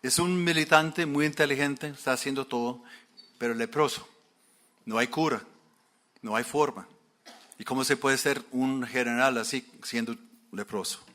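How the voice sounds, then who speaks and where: Bright-voiced preacher. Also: male voice, medium pitch, normal speed, long pauses. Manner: lively storytelling, asks the listeners questions. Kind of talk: sermon, retelling a story.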